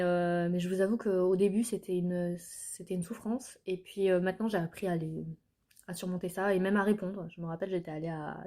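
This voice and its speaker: A woman's voice: on the low side, a little mellow. A young woman from France telling her life story to the camera in an earnest, hesitant way, with many filler sounds and restarts.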